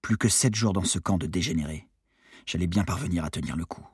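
Man, audiobook narrator, calm first-person reading, low voice, husky, dry close recording. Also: fairly quick, dry recording.

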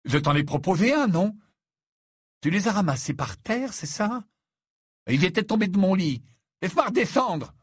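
A man voicing a lovestruck, excitable teenage boy wizard in a storybook reading, breathless and gushing. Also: slow, slightly rough, no room sound, heavily acted. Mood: pleading. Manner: breathless, gushing, high-strung.

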